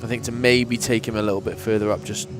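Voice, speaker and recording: A man's voice: lowish voice, flat delivery, fast talker. Dry-humoured man co-hosting a stream. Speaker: livestream co-host. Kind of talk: casual live commentary. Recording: music playing behind.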